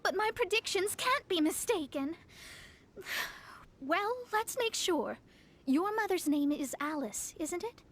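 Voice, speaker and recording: A woman's voice: extremely high pitch, lively intonation, takes it slowly, heavily acted. A woman voicing a haughty young astrologer in a video game, with pompous, formal wording. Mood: puzzled, insistent.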